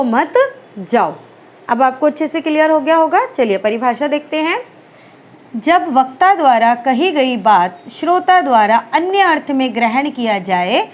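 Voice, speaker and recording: A woman teaching Hindi grammar for exam prep, explaining step by step and asking and answering her own questions. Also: high-pitched.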